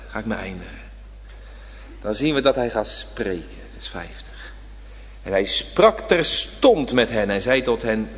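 A man preaching a sermon, dramatic, swinging from loud emphasis to near-whisper and asking the congregation rhetorical questions. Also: mid-range voice, long reverb tail.

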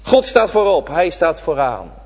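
A man preaching a sermon to his congregation, swinging between loud emphatic lines and hushed ones. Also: a little high, wildly swooping pitch, a little slow. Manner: addresses the congregation directly. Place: church. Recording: reverberant church hall.

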